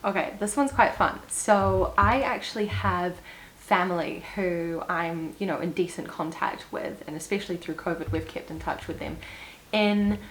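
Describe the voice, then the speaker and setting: Chatty New Zealand woman, slightly low voice. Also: moderate pace, a little hiss or hum, low-quality recording. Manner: chatty and upbeat, with little laughs and fillers. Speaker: vlogger. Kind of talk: casual get-to-know-me vlog. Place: indoors at home, seated. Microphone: small clip-on mic.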